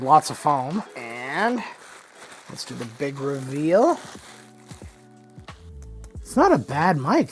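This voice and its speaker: Chatty man unboxing audio gear. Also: on the high side. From Canada. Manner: upbeat, chatty, joking. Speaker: tech reviewer and YouTuber. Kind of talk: casual unboxing review.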